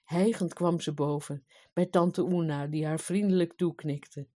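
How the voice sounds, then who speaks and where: A woman reading a fairy tale aloud in a calm, even storytelling manner. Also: deep voice, measured pace.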